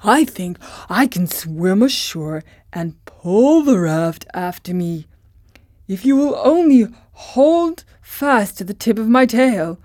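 A woman voicing a big, timid male lion in a storybook reading, loud and drawn out. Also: medium pitch, sing-song, slow, no room sound, studio quality. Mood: determined.

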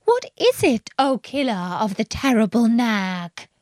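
A woman voicing an excitable small male tailorbird, high and sing-song. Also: unhurried, no room sound, studio quality. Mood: flattering.

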